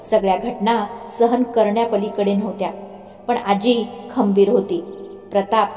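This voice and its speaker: Woman narrating a story, steady and expressive, echoey room, soft music. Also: mid-range voice, measured pace. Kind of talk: scripted audiobook narration. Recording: roomy reverb, faint music.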